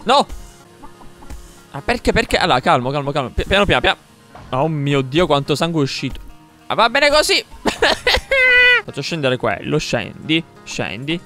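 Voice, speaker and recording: A young man commentating his own gameplay live, excitable, repeating words in quick bursts and swearing when things go wrong. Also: on the high side. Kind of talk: live let's-play commentary. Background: game music.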